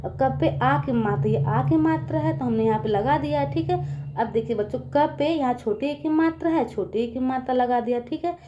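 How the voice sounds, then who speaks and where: A woman's voice: sits high, a little fast, dark tone, dull audio, a little hiss or hum. A woman teaching children, patient and repeating her points often. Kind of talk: children's lesson.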